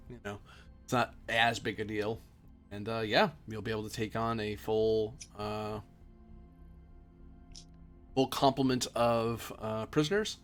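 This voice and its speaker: A man running a tabletop role-playing game as game master, rambling and restarting often, trailing off quietly at the ends of his sentences. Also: mid-range voice.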